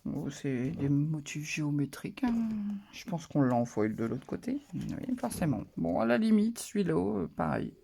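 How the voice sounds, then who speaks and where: A papercraft channel host chatting casually through a haul of paper pads, relaxed and hesitant. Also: medium pitch, normal speed, gravelly, husky. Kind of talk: casual haul show-and-tell.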